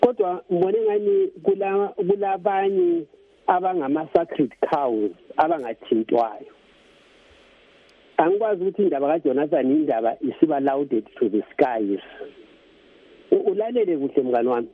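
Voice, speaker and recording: Over a tinny, narrow phone line, a man calls a radio phone-in to share his political opinion. He has a Zimbabwean Ndebele accent, close to Zulu, and his slightly high voice swings widely in pitch, with vocal fry, at a moderate pace.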